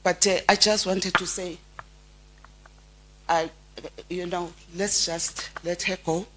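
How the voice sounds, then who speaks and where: A middle-aged South African woman, a close family friend, giving a heartfelt memorial tribute and telling stories with frequent halting restarts. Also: lowish voice, level tone, fairly bright tone. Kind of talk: memorial eulogy.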